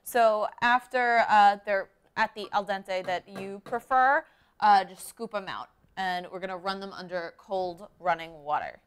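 A woman's voice: mid-range voice, a little slow, smooth. A young woman hosting a cooking show in a home kitchen studio, chatting upbeat as she explains each step. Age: young adult. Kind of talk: casual cooking demonstration.

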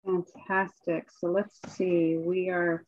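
A woman's voice: on the low side, little pitch movement, takes it slowly, a little mellow, dull audio. Chatty woman hosting over a video call. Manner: chatty, with restarts and fillers. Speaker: host, assistant dean.

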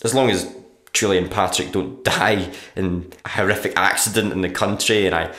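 In a radio play, an actor with a low male voice portrays a weary, struggling writer reading his diary aloud in a dry, morbid deadpan. The audio diary monologue moves at a normal speed with a gloomy, deadpan mood, and the roomy sound carries a noticeable echo.

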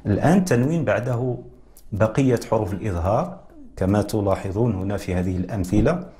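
A man hosting a televised lesson on Quran recitation, explaining rules in a measured way and addressing viewers directly. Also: fairly low pitch, lively intonation, dark tone. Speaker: Quran recitation teacher, TV host.

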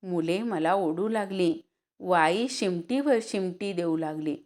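A woman reading a story aloud as narrator, lifting her voice for the characters' lines. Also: darkish tone. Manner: unhurried, acts out dialogue with raised pitch.

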